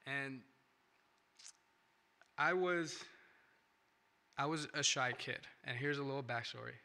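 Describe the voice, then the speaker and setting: Speaking slowly in a gravelly, mid-range voice that still sounds bright, a young Indian man shares his testimony at church. English isn't his first language, and he holds or stands at a microphone. Earnest and rambling, he keeps restarting and tacking on "right?"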